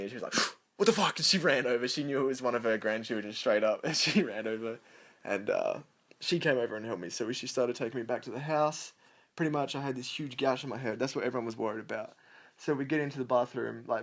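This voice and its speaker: A young man casually telling a long personal story, rambling, swearing a lot and laughing between lines. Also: mid-range voice. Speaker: storyteller over gameplay.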